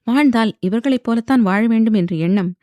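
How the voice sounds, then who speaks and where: A woman reading a romance novel aloud as narrator, in an even storytelling voice. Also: on the high side, brisk, dry recording. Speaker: audiobook narrator.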